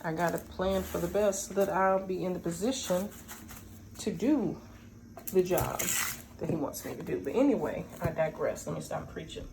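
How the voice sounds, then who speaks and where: Talkative woman, lowish voice, home vlog, noisy background. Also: moderate pace. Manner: chatty, talks to viewers as y'all, playful asides. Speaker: vlogger. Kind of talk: casual chat while doing a home craft. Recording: audible background noise.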